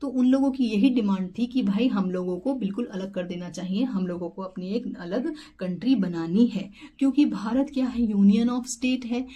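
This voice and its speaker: Mellow-voiced woman teaching a lesson. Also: medium pitch, normal speed, hardly any pauses. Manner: explains step by step, with rhetorical questions and frequent "theek hai"; mixes English terms into Hindi. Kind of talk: exam-prep lesson.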